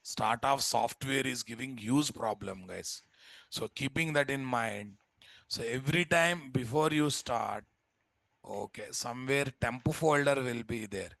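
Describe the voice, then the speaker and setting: Gravelly Telugu-accented man teaching. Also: medium pitch, fairly bright tone, no room sound. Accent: Telugu Indian. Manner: blunt, scolding, repeats himself with rhetorical tag questions. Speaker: software instructor. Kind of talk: live online class, informal lecturing. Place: indoors at a computer, live screen-share class.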